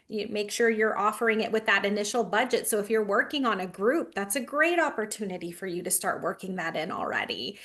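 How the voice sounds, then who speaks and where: A woman's voice: mid-range voice, a bit bright. Friendly woman explaining with fillers. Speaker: company representative guest. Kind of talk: video call interview.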